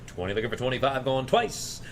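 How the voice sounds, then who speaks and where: A man's voice: mid-range voice, big pitch swings, a little fast, a little hiss or hum. Male auctioneer chanting bids, informal. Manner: informal, chatty. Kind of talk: auctioneer's rapid, repetitive bid chant with casual asides.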